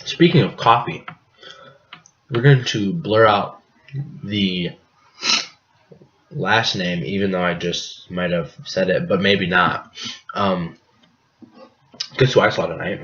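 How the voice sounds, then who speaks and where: A young man from the US Midwest co-hosting a casual podcast, joking and rambling with deadpan asides, coughing now and then. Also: deep voice, slow, long pauses. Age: young adult. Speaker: podcast co-host. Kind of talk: casual chat. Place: apartment living room. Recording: dull lo-fi home recording, faint noise.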